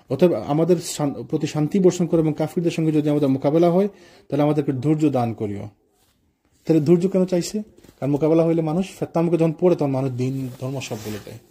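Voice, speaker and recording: A man delivers a sermon in a mosque, moving between quoted prayers and casual asides to his listeners. His voice sits a little high, yet it sounds very dark and husky. He talks at a fast clip. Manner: conversational, mixes quoted prayers with colloquial asides. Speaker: preacher. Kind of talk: sermon on the life of the Prophet.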